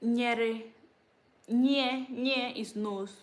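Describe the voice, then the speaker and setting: A woman's voice: fairly high pitch, steady tone, echoey room. Chatty woman teaching words. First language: Dagaare. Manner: chatty, self-teasing, repeats words slowly, laughs often. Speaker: language teacher on a livestream. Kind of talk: casual spoken language lesson.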